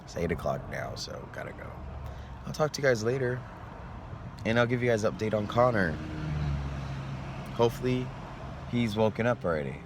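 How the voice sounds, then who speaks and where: A man's voice: medium pitch, expressive, fairly quick, pauses often. A man talking to his viewers in a rambling, earnest vlog, sleepy and yawning, sometimes trailing off. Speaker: vlogger. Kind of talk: reflective vlog monologue. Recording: noisy street recording.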